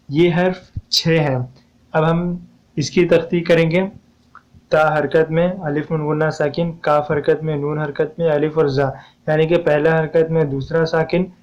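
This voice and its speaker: A slightly high, somewhat mellow male voice walks through poetic meter and diction, and the audio has its highs cut off. Patiently going over each step more than once, the teacher encourages viewers to bring their questions.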